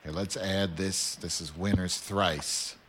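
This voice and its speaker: A man's voice: deep voice, fairly even intonation, a little slow, background noise. A man hosting a radio show, brash and teasing, muttering to himself while he dials a phone. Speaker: radio host. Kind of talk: casual radio banter.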